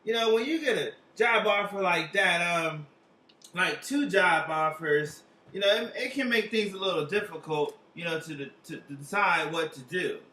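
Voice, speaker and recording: A man with a bright, high-pitched voice plays host on a comic psychic advice line. He rambles casually in slang and swears freely. The sound is roomy and a little distant from the microphone. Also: moderate pace. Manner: profane, slangy, rambling, repeats tag questions. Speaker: comedic tarot advice hotline host. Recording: roomy echo, distant from mic.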